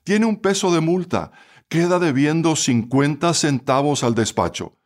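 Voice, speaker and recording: A man's voice: on the high side, expressive, unhurried, pitched above the performer's own voice. Man voicing a curt officious pay clerk, clipped, cold, radio story. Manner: brief, clipped reading.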